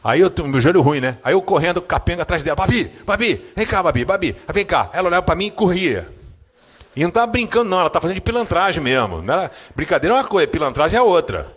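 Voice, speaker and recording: A man preaching in a church with a Brazilian Portuguese accent, telling a personal story, acting out the scenes and swinging from a low murmur to high, excited bursts. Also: rapid-fire. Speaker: pastor.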